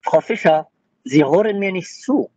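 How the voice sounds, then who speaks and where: Husky-voiced man placating a caller. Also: sits high, animated, moderate pace, a little mellow, no room sound, dull audio. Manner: placating, keeps repeating her name. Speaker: boss taking over the call.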